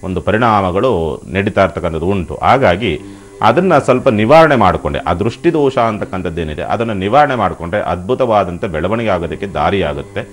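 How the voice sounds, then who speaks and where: A man's voice: low-pitched, lively intonation, fast talker, slight background noise. A man working as a TV astrologer, reassuring callers and steadily reading out predictions for each sign. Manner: soothing, reassuring counsel. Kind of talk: call-in horoscope advice.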